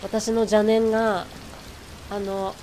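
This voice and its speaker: Female game streamer, excitable and chatty, home recording with background noise. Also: mid-range voice, slow. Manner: excited shouting during boss fight; apologetic, chatty between fights. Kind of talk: live let's-play chat.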